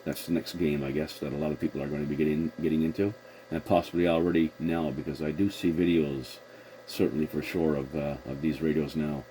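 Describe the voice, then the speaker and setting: Flat and fairly quick, a man's bass voice runs a casual CB radio conversation. He follows radio call procedure and reshapes his wording as he goes. Noise fills the recording, and he's both a CB operator and a video host.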